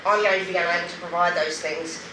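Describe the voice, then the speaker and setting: Her voice lowish and her intonation fairly even, a fast-talking middle-aged Australian woman recounts her own story at a public event on behalf of an anti-poverty group. Emphatic, candid and drily funny, she sounds distant in the echoing, noisy venue recording.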